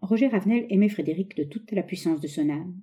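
A woman narrating a novel aloud in a measured, expressive reading. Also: lowish voice.

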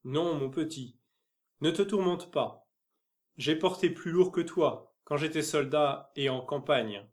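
A man voicing a kind former soldier in an audiobook, gentle with a child and firm with others. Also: a little high, slow pace. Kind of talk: audiobook character reading.

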